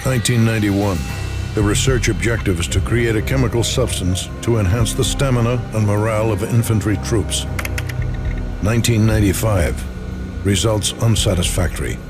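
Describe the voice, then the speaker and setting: Game dossier narrator, male actor: cold military formality, clipped and official, lowish pitch, music behind. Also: moderate pace, natural voice. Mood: detached, official. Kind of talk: scripted narration of a classified file.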